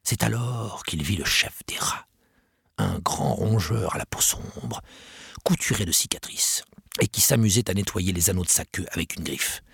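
A man reading a children's storybook aloud with expressive, lively storytelling. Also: low-pitched, moderate pace, creaky, husky, dry recording, clean studio sound. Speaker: narrator.

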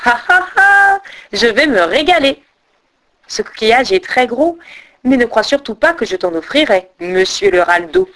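A woman's voice: high voice, very animated, moderate pace, creaky, a bit bright, exaggerated voice. A woman voicing a greedy, boastful female crane who taunts her companion in a sing-song way. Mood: gloating.

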